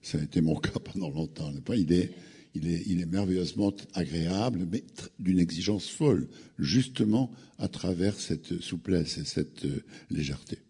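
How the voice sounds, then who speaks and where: Low dark-voiced man, halting and reflective. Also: slightly rough. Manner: halting, repeats words while searching. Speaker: actor and speaker on a panel. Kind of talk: reflective panel talk.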